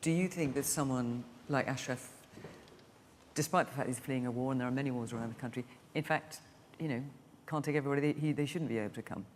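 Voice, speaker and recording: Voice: mid-range voice, fast talker. A TV debate presenter moderating, putting probing follow-up questions to guests and the audience. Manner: probing, presses for specifics. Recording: reverberant TV studio with faint noise.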